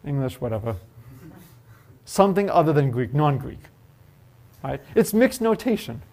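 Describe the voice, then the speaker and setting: A man whose voice sits on the high side teaches university math at a normal speed. Lively in the lecture hall, this professor asks the class questions and jokes with students.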